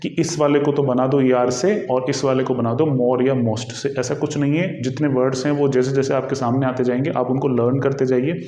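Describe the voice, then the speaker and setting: A male English teacher with an Indian accent giving an exam-prep grammar lesson, explaining slowly, repeating himself and pausing often. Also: medium pitch, level tone, warm tone. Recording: echoey room.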